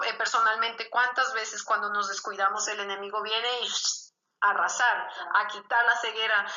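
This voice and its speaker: Woman pastor, vivid bright tone, sermon full of "glory to God" interjections, roomy dull recording. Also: mid-range voice. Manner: peppers speech with "gloria a Dios" exclamations.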